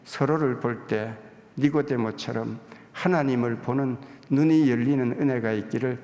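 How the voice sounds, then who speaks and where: A man's voice: mid-range voice, moderate pace, a little mellow, muffled recording. A male pastor giving a confessional, humorous sermon in a church sanctuary, with hall reverb.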